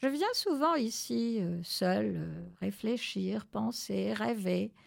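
A woman voicing a kind, wise tomcat in a storybook reading, talking in a gentle, coaxing way. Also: mid-range voice, animated, slow, vocal fry, heavily acted.

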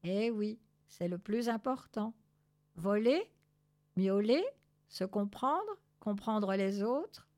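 A woman reading a children's novel aloud in an expressive, measured way. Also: medium pitch. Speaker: storyteller.

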